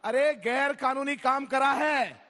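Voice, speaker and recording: High-pitched guy shouting down rivals on a tv debate, echoey studio. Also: takes it slowly. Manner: forceful, talks over others with repeated phrases. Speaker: TV debate panelist. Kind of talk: heated TV debate argument.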